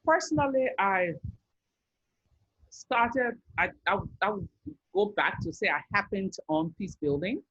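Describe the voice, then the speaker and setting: Earnest husky woman, muffled recording. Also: mid-range voice, animated, fairly bright tone, no echo. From Liberia. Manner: earnest, measured, with thoughtful pauses and restarts. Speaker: peace activist guest. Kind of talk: reflective podcast storytelling.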